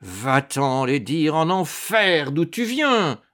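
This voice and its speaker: A man voicing a fierce, violent monk who shouts in strained high cries. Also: big pitch swings, slow, full character voice. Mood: snarling.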